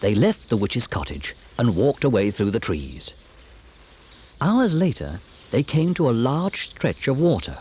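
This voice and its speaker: A man narrating a children's fairy tale on a storybook cassette with an expressive, dramatic delivery. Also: mid-range voice, measured pace, a little hiss or hum.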